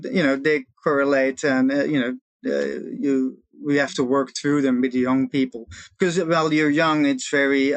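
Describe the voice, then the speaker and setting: A man's voice: medium pitch, dry recording. A middle-aged man from Belgium, a Dutch speaker, talking as an interview guest with frequent fillers. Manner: halting, frequent uh and you know. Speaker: guest, social worker. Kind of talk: conversational interview.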